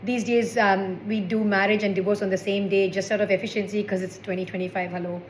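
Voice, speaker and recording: A woman's voice: medium pitch, little pitch movement, brisk. A woman in her forties from India doing a stand-up comedy set with wry, sarcastic asides. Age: 40s. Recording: echoey room with faint background noise.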